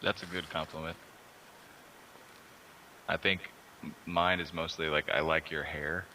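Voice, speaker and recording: A man with a smoker's rasp chatting casually as a co-host, with a radio-DJ-like delivery, over a voice call. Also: extremely low pitch, flat delivery, measured pace. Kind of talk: casual chat. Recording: noisy voice call.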